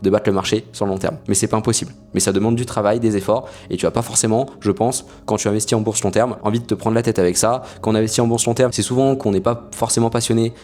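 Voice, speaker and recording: Young male YouTuber, fast and hesitant, explaining casually to camera. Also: fairly low pitch, fairly even intonation, darkish tone. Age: young adult. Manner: frequent hesitations with many "euh" fillers. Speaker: finance YouTuber.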